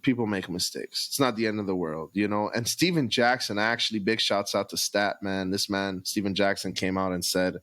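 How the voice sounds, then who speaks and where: A young man co-hosting a casual basketball podcast, talking in energetic slang and reeling off stats. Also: fairly low pitch, brisk, hardly any pauses, dry recording. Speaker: podcast co-host. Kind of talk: casual sports chat.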